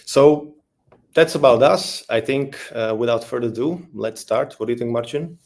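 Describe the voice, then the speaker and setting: A man from Slovakia, hosting a business webinar in a relaxed, friendly way with frequent fillers. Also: medium pitch, normal speed. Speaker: webinar host, payments advisor.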